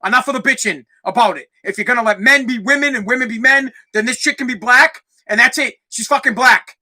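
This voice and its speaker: A brash young podcast host with a Boston accent, his voice high for a man and piercingly bright, rants loudly into a desk mic on his solo show. He talks a little fast and swears freely, loud, profane, and ranting throughout.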